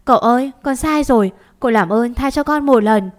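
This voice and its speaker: A woman's voice: fairly high pitch, expressive, fairly quick, close to an everyday voice. A woman voicing a terrified young maidservant who pleads and cries for mercy in a storybook reading. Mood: pleading. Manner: pleading, tearful, stammering.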